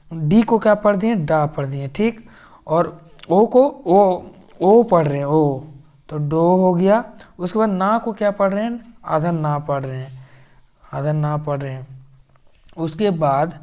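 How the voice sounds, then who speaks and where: A man teaching English phonics, sounding out words slowly and repeating them. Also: on the high side, a little mellow. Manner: slow, repetitive, drawn-out word sounding. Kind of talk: phonics lesson.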